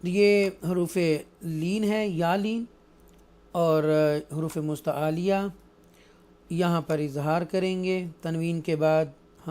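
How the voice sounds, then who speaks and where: A man with a Pakistani accent teaching Quran recitation rules, alternating explanation with slow, drawn-out recited verses and often asking "right?". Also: fairly high pitch, darkish tone. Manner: frequent checking "right?". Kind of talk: tajweed lesson, explaining and reciting.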